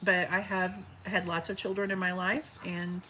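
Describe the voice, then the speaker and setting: Reading viewer comments on her casual livestream, a forties-aged woman sounds chatty and affectionate, booming in a big teacher voice and often using fillers and restarting. Her lowish voice is flat in delivery, pushed and bright, at normal speed. She's at home by an open window where birds can be heard, and there's a little hiss or hum.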